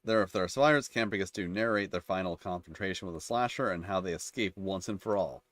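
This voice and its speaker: A man with a low voice works through a page of game rules, reading each one out and then wandering into loose, talky asides full of restarts. His voice sits dry and close, with no room sound around it. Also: fast, a bit bright, no room sound. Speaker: channel host reviewing tabletop games. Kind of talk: casual commentary reading rules aloud.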